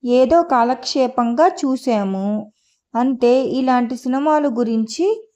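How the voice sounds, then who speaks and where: A woman voicing a relaxed, teasing husband in a storybook reading. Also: high-pitched, takes it slowly. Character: easygoing husband Ramakrishna, teasing and amused.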